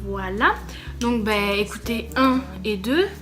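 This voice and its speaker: A woman beauty vlogger chatting casually through a makeup challenge, bubbly and easily excited as she talks to her viewers. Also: a little high, takes it slowly, music in the background.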